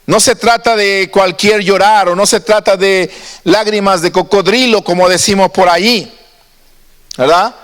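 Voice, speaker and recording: A man preaches in a high, bright voice, and a long reverb trails behind each phrase. He keeps it conversational and turns to the congregation with questions. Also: steady tone, measured pace. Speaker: pastor. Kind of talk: sermon. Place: church.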